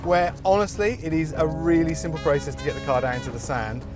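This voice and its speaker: Male Australian travel host, fairly high register, dry jokey delivery, over prominent music. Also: steady tone, brisk. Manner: wry, jokey, understated. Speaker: travel show presenter. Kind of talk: travel vlog narration and casual on-camera chat.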